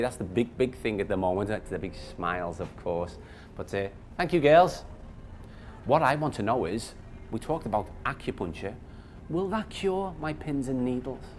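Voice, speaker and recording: A man speaking as an upbeat, chatty cruise director, presenting a ship tour to camera and joking with viewers. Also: medium pitch. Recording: background noise, on-location ship ambience.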